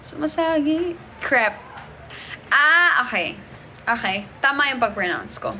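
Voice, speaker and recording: Woman, livestream host, casual chat, bright ringing voice, a bit high, faint hum behind. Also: big pitch swings, takes it slowly. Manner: chatty, greets and answers viewers' comments. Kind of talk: casual live-stream chat. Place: hotel room.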